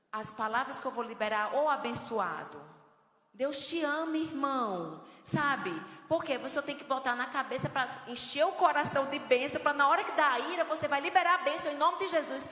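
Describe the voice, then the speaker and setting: Middle-aged woman preacher, lively and humorous, fairly high voice, long church-hall reverb. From Northeast Brazil. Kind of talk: sermon.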